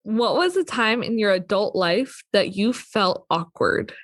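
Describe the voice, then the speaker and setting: A woman's voice: mid-range voice, sing-song, unhurried, no echo. Giggly woman in her twenties, dry sound. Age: 20s. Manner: chatty and giggly, with many likes. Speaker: podcast co-host. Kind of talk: casual chat.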